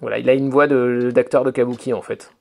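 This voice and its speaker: Gravelly man demoing a toy. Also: medium pitch, flat delivery, fairly quick, noisy background. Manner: hesitant, filler-heavy explaining, "donc voilà"; talks to camera while handling a toy. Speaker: toy reviewer. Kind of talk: hands-on toy review demonstration.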